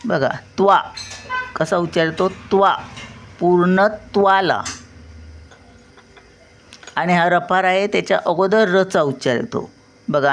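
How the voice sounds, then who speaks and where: An older woman teaching pronunciation word by word, stretching out syllables and repeating each word patiently. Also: deep voice. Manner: drawn-out syllables, patient repetition. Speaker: Marathi language teacher. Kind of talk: slow word-by-word pronunciation lesson.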